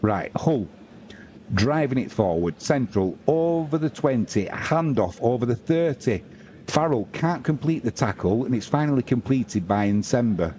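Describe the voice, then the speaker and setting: Warm and animated, a medium-pitched man commentates live rugby league on a stream at an unhurried pace, trading play-by-play for friendly chat with viewers. A little hiss or hum is audible.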